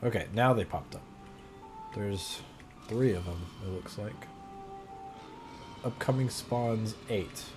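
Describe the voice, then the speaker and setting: A man's voice: fairly low pitch, slow pace, pauses often, over music. A man casually commentating his gameplay, thinking aloud and muttering his plans as he goes. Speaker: gamer.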